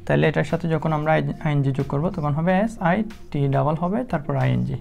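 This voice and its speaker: A woman teaching English spelling rules, slow and methodical, spelling words out letter by letter with frequent hesitations. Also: low voice, creaky, darkish tone, soft background music. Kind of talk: spelling lesson explained in Bengali.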